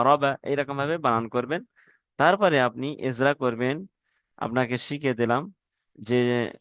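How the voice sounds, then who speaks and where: Male teacher, smooth clear voice, dry close sound, drills letter-by-letter spelling. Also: medium pitch, fairly bright tone, no room sound. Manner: spells out letters slowly, syllable by syllable; addresses students politely as brothers. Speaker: Quran reading teacher. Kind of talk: online class instruction.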